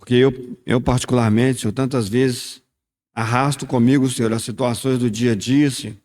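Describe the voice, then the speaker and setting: This man's medium-pitched voice has a darkish tone, fairly even intonation and a moderate pace. Leading communion at church, he offers a brief sermon and then a spoken prayer. The mood is reflective, and "Senhor" comes up again and again as he prays.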